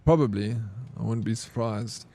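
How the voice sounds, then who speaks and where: A man's voice: lowish voice, normal speed, a little mellow. A man in his forties chatting casually with his live-stream chat, joking and answering comments. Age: 40s. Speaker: game streamer.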